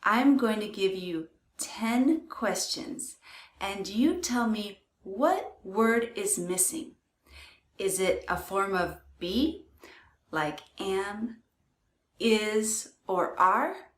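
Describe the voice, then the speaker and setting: A woman's voice: medium pitch, expressive, drawn-out words, reverberant. A woman teaching English grammar, carefully saying each example sentence. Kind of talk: slow, clear grammar lesson.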